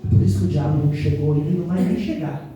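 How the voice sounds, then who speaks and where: Man preaching, high voice, dark mellow tone, echoey hall from a distance, soft music behind. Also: quick pace. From Brazil. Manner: preaches in bursts, exhorting and storytelling. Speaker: pastor. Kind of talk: sermon with personal story.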